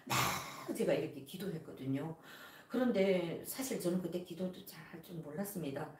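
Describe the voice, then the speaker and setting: A woman's voice: lowish voice, normal speed. A woman from North Korea with a North Korean accent, a missionary telling her faith testimony with emotion and acting out the prayers and voices she quotes. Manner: storytelling, acts out prayers and quotes. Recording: roomy, from a distance, faint noise.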